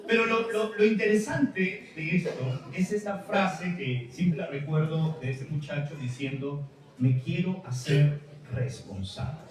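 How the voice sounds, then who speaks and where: A man's voice: on the high side, unhurried, over music. Man, Peruvian accent, chatty sermon storytelling, heavy hall echo, distant mic. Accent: Peruvian Spanish. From Peru. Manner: chatty storytelling with laughs and asides to the congregation. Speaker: preacher. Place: large church hall.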